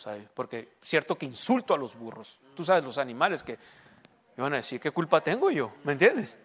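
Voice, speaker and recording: A man preaching a sermon in a conversational way, often asking listeners if they understand and slowing down to stress key words. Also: fairly high pitch, fairly bright tone. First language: Spanish. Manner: conversational preaching, frequent check-ins with listeners; emphatic, slows down on key words. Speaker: pastor.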